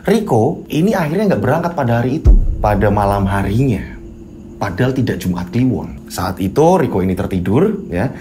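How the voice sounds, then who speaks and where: Lively-pitched casual horror storyteller. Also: male voice, soft background music. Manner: conversational, dramatic pauses, fillers like "ya kan".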